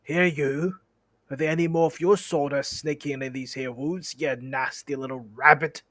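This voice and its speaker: A man voicing a mean, suspicious male troll who sneers and quarrels loudly. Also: a little high, steady tone, normal speed, no room sound, clean studio sound, natural voice. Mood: menacing.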